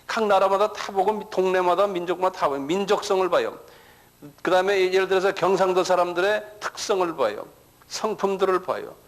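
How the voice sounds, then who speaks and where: A man's voice: high voice, brisk, rough recording. A middle-aged male pastor giving a sermon-style lecture, who keeps checking with the audience and repeats words as he starts a thought.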